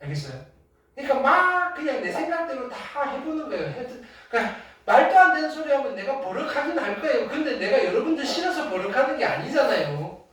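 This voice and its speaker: A high school math teacher giving an emphatic classroom lecture, often checking in with the class with short questions. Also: brisk. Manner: emphatic, keeps asking "됐나요?" and "알겠어요?"; lively, loud bursts then drops low. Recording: very echoey classroom from far off.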